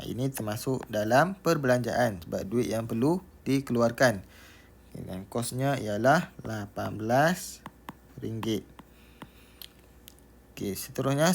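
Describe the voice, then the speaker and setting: Malaysian male teacher, middle-aged, patient step-by-step maths explainer, average pitch. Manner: patient, repeats and spells out each step. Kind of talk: maths lesson.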